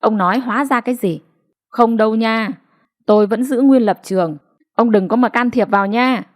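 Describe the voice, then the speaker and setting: A woman's voice: mid-range voice, lively intonation, normal speed, darkish tone, lightly acted. A woman voicing a blunt, stubborn older mother who dismisses her daughter firmly, in an audiobook reading. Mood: stubborn scolding. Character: stubborn bossy old mother, blunt and domineering.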